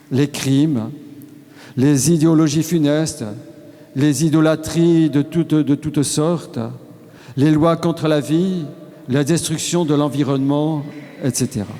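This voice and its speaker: A man delivers a solemn sermon at a very unhurried pace, leaving pauses between short phrases. His voice sits a little high but sounds dark and mellow. A long reverb trails after his words, with faint music underneath. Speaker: preacher.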